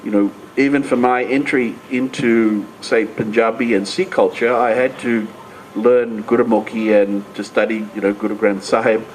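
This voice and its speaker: This older Australian panelist at a book launch has a lowish, steady voice and a moderate pace. He hesitates a lot, filling gaps and restarting sentences, and the poor audio includes slight background noise.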